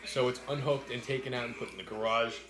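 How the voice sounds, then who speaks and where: A man chatting casually as he co-hosts an eating show, with halting, repeated words and some mild swearing. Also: mid-range voice, steady tone. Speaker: mukbang co-host. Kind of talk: casual chat while eating, answering viewers. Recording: roomy, echoey indoor sound.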